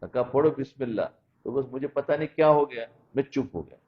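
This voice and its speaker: An Islamic preacher with a mid-range male voice delivers a sermon woven with stories, often checking in with listeners by asking "understood?" The recording is dull and lo-fi.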